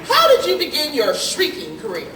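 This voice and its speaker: A woman's voice: high-pitched, wildly swooping pitch, moderate pace, a bit bright, slight background noise, exaggerated voice. A woman playing a cheerful female street reporter who makes wry asides. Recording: echoey stage from a distant mic.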